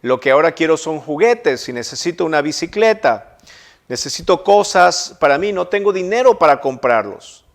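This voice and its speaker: A man's voice: fairly high pitch, expressive, normal speed. A man voicing a boy grown into a weary, needy man who complains about his troubles in a sermon story.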